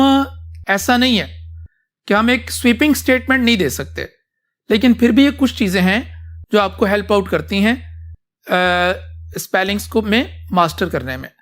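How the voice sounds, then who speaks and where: A man's voice: sits high, lively intonation, measured pace, fairly bright tone. A male teacher giving a classroom vocabulary lecture, switching between Urdu and English and often checking that his students follow. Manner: checks understanding often, calls students "beta".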